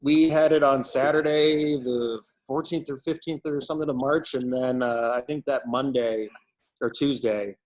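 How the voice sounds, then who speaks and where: A man's voice: mid-range voice, steady tone, moderate pace, a little mellow, low-quality recording. A man giving a casual interview as a brewery owner, talking in a loose, rambling, conversational way. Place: at his brewery.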